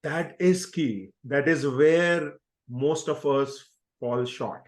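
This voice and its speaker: A man with a voice on the high side appears as an interview guest, explaining self-help ideas. He speaks earnestly and deliberately, repeating key phrases.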